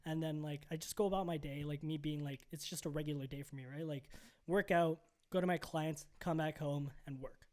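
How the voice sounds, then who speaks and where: A young man co-hosting a podcast, telling a story in casual chat, animated and full of "like" and "bro". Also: fairly high pitch, fairly quick. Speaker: podcast co-host.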